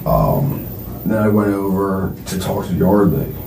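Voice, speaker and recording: A young man under police questioning, talking haltingly and filling nearly every phrase with "like". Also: low-pitched, very animated, vocal fry. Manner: halting, filler-heavy, constantly says like. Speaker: suspect being questioned. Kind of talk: police interrogation. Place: police interview room. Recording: roomy distant recording with faint noise.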